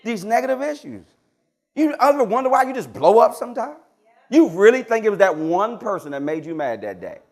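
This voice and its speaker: A man preaching a sermon in church, asking his congregation questions and calling for answers. He swings between loud, emphatic lines and quiet, low asides, and speaks. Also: very animated, fairly quick. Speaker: pastor.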